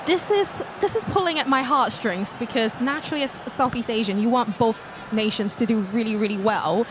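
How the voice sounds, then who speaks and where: Chatty high-voiced woman from Singapore. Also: fairly quick, over music. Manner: chatty, enthusiastic. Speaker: co-commentator. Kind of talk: live colour commentary.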